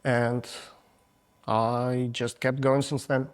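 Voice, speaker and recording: A man's voice: medium pitch, flat delivery, smooth. Russian-accented man in his forties. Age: 40s. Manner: frank, halting non-native English with restarts. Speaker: guest photographer. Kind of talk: casual interview answers.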